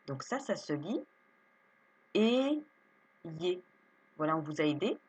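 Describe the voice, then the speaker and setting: A woman teaching young children to read, slowly sounding out syllables and words with patience. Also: low voice, big pitch swings, husky. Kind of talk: reading lesson for young children.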